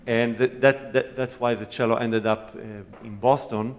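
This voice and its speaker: At a concert hall Q&A, a guest cellist whose first language is Hebrew answers audience questions in a friendly, explanatory way, demonstrating on the cello as he goes. His medium-pitched voice is fairly even and measured in pace, heard from far off in the echoey hall.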